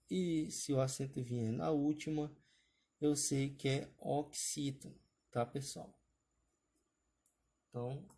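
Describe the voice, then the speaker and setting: A man's voice: mid-range voice, warm tone. A man teaching an exam-prep grammar lesson over slides, often checking in with his students. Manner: explanatory, adds frequent "tá, pessoal?" checks.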